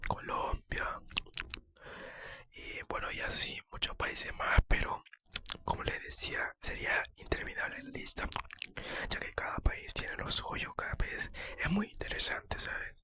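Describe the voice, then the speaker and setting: A man whispers casually in an ASMR style, close to the microphone. The whisper is very bright and sibilant, with hardly any voiced tone. He talks in a personal, slightly hesitant way, pausing softly as he thinks. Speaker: ASMR creator answering viewer questions.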